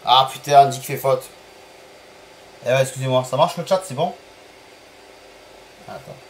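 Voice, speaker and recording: A man streaming a football management game live, chatting to viewers, apologizing for stream bugs and calling plays with bursts of excitement. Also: medium pitch, measured pace, slight background noise, rough recording. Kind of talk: live gameplay commentary.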